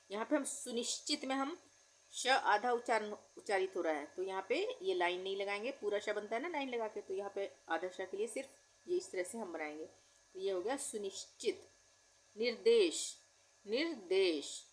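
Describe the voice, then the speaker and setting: A woman teaching difficult Hindi words, with an Indian accent, saying each word slowly and spelling it out patiently. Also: mid-range voice, slightly rough. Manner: patient, drawn-out word-by-word pronunciation. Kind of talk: slow spelling-out lesson.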